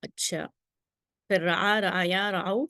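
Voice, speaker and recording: A woman's voice: fairly low pitch, steady tone, bright, forceful tone, dry recording, studio quality. A woman teaching Arabic grammar in a recorded slide lesson, patiently reciting verb forms and checking in with the listener often. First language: Urdu. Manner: patient, drills conjugations aloud with frequent check-ins.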